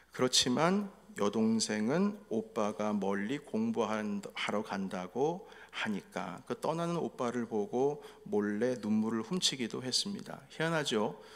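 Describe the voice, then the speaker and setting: A middle-aged man preaching a sermon as pastor, telling family stories and acting out what was said. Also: mid-range voice. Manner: storytelling, acting out family quotes. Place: church sanctuary. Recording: echoey hall reverb.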